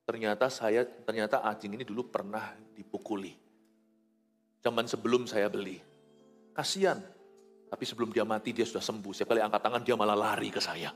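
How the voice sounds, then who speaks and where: A male pastor preaching a sermon, acting out quoted voices and swinging between loud bursts and hushed asides. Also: fairly low pitch, steady tone, a little fast, long reverb tail, faint music behind.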